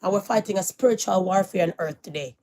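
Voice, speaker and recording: A middle-aged woman, speaking straight to her viewers. Her voice sits in a medium pitch. She moralizes and repeats lines for weight, then swings from loud declarations to low, hushed warnings. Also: fast talker, slight background noise. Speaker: vlogger. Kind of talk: casual preachy monologue to viewers.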